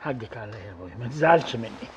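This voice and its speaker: A man's voice: medium pitch, expressive, rapid-fire, lightly acted. A man playing a weary, exasperated chief's son. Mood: pleading. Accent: Upper Egyptian. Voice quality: earnest, exasperated. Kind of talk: period TV drama acting.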